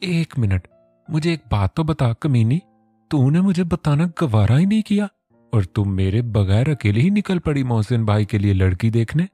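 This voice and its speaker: A man voicing a quick-tempered young woman who scolds and sulks in a storybook reading. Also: medium pitch, sing-song, mellow, no room sound, faint music behind. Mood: fiery. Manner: scolding, sulky.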